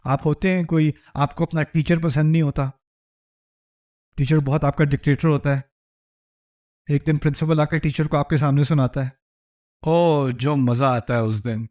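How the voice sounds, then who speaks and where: Brief: high-pitched male lecturer, witty storyteller, conversational sermon with rhetorical questions. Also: fairly even intonation, pauses often, a little mellow. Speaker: Islamic lecturer. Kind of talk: humorous religious lecture.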